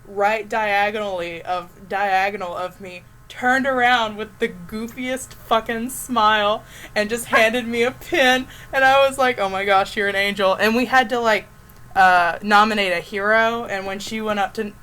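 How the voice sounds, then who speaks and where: A young woman streaming while she chats with a friend, friendly and relaxed as she tells stories. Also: mid-range voice, rough recording. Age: young adult. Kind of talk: casual chat.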